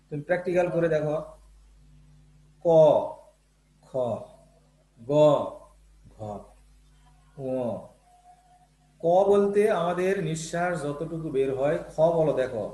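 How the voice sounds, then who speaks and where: A man's voice: fairly high pitch, a little fast, mellow, echoey room. A male teacher explaining Bangla sounds in a lesson, patient and repetitive, often checking that students follow, with a Bangladeshi Bangla accent. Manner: explains patiently, repeats terms and checks with "ঠিক আছে?". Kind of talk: classroom lesson on Bangla phonetics.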